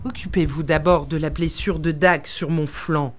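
Conan, a woman doing a gruff wounded barbarian king. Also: deep voice, steady tone, moderate pace, soft background music, lightly acted. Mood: growling. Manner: growling, cursing. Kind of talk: audiobook character voice.

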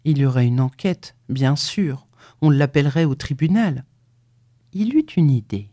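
A narrator reading a classic literary story aloud in a measured, expressive way. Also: mid-range voice, dry recording, studio quality.

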